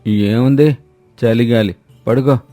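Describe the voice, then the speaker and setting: A man voicing a calm, scheming villager in a cartoon moral story. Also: mid-range voice, slow, soft background music. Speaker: voice actor. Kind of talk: cartoon story character acting.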